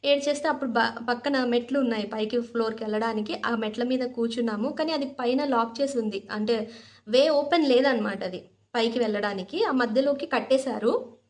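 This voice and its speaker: A woman's voice: a little high, a little fast. A young adult woman telling a personal story in an earnest, heartfelt way, acting out the dialogue as she goes. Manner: earnest, heartfelt, sincere retelling with reenacted dialogue. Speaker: storyteller sharing a personal experience.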